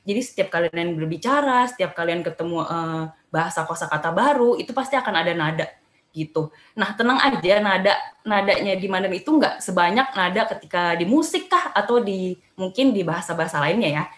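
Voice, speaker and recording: A woman's voice: on the low side, animated, brisk, fairly bright tone, roomy sound. A young woman teaching a beginner Mandarin lesson online, chatty and cheerful, sounding out tones aloud.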